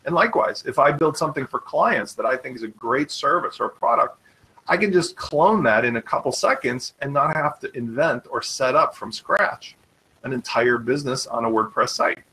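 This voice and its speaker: A man hosting a live web tutorial, talking fast and eagerly in an informal sales manner while demonstrating software. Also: mid-range voice, lively intonation, low-quality recording. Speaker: webinar host.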